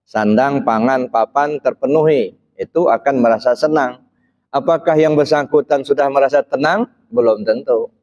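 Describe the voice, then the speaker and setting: A man's voice: mid-range voice, normal speed, a little mellow. Preacher quizzing his audience. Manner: questions the audience and presses them to answer; sprinkles frequent short "ya" checks between phrases. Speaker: Islamic preacher. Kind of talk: interactive religious study talk. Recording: slightly dull, muffled recording.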